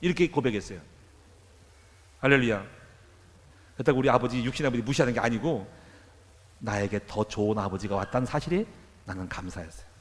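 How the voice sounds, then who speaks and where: A man's voice: mid-range voice, expressive, a little fast, pauses often, in a large hall. An older male pastor preaching a sermon in a church, emphatic and calling the congregation to repeat after him. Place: church sanctuary.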